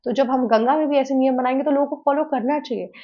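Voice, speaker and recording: A woman's voice: sits high, fast. Earnest argumentative woman, slightly dull sound. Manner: earnest, argumentative, rhetorical questions. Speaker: news channel presenter. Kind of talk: opinion commentary to camera.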